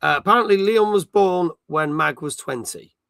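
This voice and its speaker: In his forties and British, he streams games casually while chatting and voicing live comments. The sound is close and dry, and his high, bright, forward voice carries a gravelly edge at a moderate pace.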